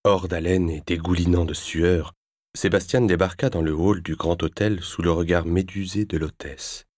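A male audiobook narrator with a very low voice, reading in a measured, even way. The sound is dry and close, with no room echo. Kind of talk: scripted narration.

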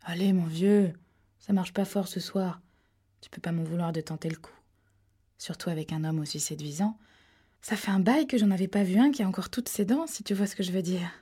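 Ditzy chatterbox agent read by a woman, higher and bubbly, breathy. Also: a little fast, warm tone. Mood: flirty. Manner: babbling, flirtatious.

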